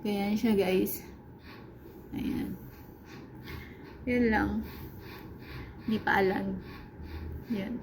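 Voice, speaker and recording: A woman's voice: medium pitch, steady tone, very slow, long pauses. Rambling woman vlogger, noisy background. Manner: rambling, soft-spoken, with many fillers. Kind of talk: casual vlog chat. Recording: clear background noise around the voice.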